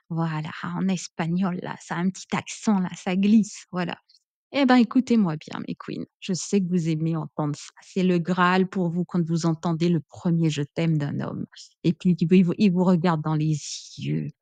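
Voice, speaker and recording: Casting: woman relationship coach, emphatic and chatty, mid pitch, dry close sound. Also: gravelly, warm tone, dry recording. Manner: emphatic, chatty, full of asides like "hein". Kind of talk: advice vlog monologue.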